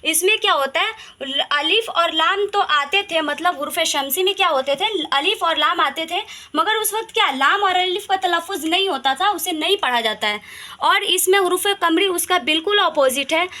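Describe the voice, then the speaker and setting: High bright-voiced woman teaching. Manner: explains step by step, repeats definitions, asks and answers own questions. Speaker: Urdu grammar teacher. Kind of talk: casual video lesson.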